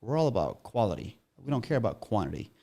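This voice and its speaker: A man co-hosts a studio podcast and talks fast in a low voice. He sounds earnest and keen, tripping over a word now and then as he makes his case. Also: very animated, creaky, warm tone. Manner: earnest, pitchy, a few stumbles. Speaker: co-host, real estate team lead. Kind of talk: casual interview chat.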